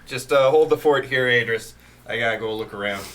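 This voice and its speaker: A man playing a hesitant, bemused, good-natured adventurer in a tabletop game, with halting, stammering speech. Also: medium pitch, a bit bright, close to an everyday voice. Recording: faint background noise.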